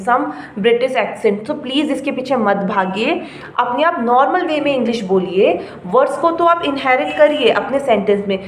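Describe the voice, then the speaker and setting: A young woman giving a casual spoken-English lesson, chatty and encouraging, often checking in with her listeners. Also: a little high. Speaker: English-speaking coach. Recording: echoey room with faint ambient noise.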